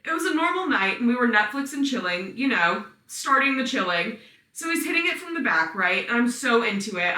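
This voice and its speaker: A woman reads listener stories on her podcast in a loose, chatty story-time way, swearing freely and breaking off into her own asides. Her voice is bright and forward. The room rings around her, and she sits a little back from the mic. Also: fairly high pitch, far from the mic. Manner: profane, blunt, chatty asides. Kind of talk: casual story-time narration. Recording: roomy sound, voice set back from mic.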